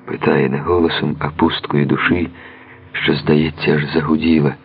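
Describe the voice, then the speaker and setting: A man narrating a novel in a measured, expressive literary reading, heard on a tinny lo-fi radio recording. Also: rumbling low.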